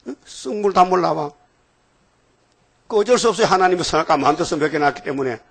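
A man's voice: fairly high pitch, breathy edge. A middle-aged man preaching a sermon in a church, peppering his congregation with rhetorical questions and folksy asides. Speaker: pastor.

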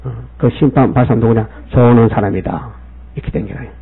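A man's voice: mid-range voice, fast, husky. A male pastor, preaching and scolding the congregation with rhetorical questions. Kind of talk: sermon. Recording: tinny phone-like sound.

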